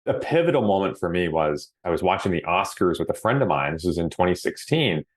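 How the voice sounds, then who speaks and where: A man's voice: low-pitched, big pitch swings. A middle-aged man from Hawaii, a podcast guest telling his story in an earnest, reflective way. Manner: earnest and reflective, often slows down to stress words. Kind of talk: casual interview answers.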